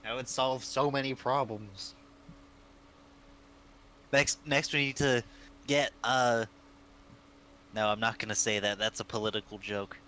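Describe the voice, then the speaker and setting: A man's voice: mid-range voice, steady tone, measured pace, long pauses, bright, forceful tone, slight background noise, low-quality recording. A man hosting a live stream, chatting casually and telling rambling anecdotes full of fillers, often breaking into laughter. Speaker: streamer host.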